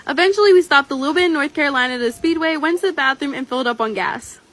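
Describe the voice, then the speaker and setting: A woman's voice: high-pitched, very fast, a bit bright. An eighteen-year-old woman narrating a vlog voice-over in a gushing, upbeat storytelling way. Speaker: vlogger.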